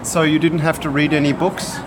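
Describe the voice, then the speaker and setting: A man's voice: on the high side, level tone, a little fast, noisy background. A man working as an interviewer, asking conversational questions patiently and putting them in simple words.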